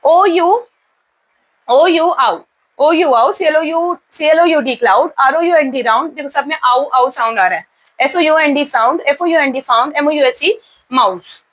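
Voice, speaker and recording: A woman's voice: high voice, a little slow, fairly bright tone. A woman with an Indian accent teaching English pronunciation, spelling each word out letter by letter and then saying it, repeating words as a drill.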